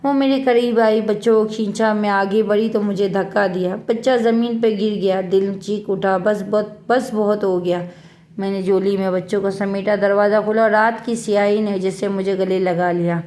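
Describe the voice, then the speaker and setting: A woman's voice: medium pitch, fairly even intonation, hardly any pauses, darkish tone. Woman narrating a sorrowful story. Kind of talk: scripted first-person story narration.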